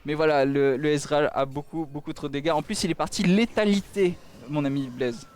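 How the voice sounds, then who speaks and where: A man casting an esports match with excitement. His voice sits high and comes through smooth and crisp. He punctuates the play-by-play with repeated exclamations. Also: fairly quick. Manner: exclamatory, with repeated cries of dismay and amazement. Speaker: esports caster.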